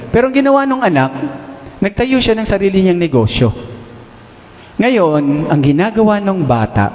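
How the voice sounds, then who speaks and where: High-voiced Filipino preacher in an echoing hall. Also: male voice. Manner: animated, swings pitch up and down, drawn-out emphatic English phrases. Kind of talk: sermon. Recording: echoey hall, long reverb.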